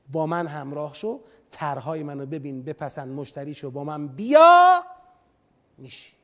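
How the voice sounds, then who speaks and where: A high-voiced preacher speaking as God, a maker pleading with stubborn people. He talks in an exasperated tone and argues like a craftsman with a doubtful customer. He pushes each point with insistent emphasis. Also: dark tone, big-room sound, lightly acted.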